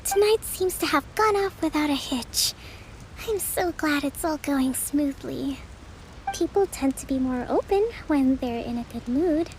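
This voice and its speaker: A woman playing a gentle, earnest young female leader in a video game, speaking softly and politely in measured phrases. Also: high voice, lively intonation, slight background noise, poor audio. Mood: calm, relieved.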